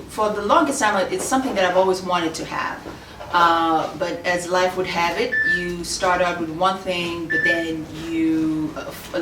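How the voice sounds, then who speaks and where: A woman's voice: lowish voice, distant mic, noisy background. Woman, roomy off-mic sound. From Kenya. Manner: measured, with frequent "uh" and "um" pauses. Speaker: boutique owner. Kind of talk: interview answers. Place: her clothing shop.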